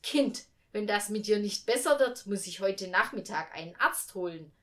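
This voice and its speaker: A woman's voice: medium pitch, expressive, moderate pace, fairly bright tone, natural voice. A woman voicing an impatient, busy mother who sounds stern and irritable in a storybook reading.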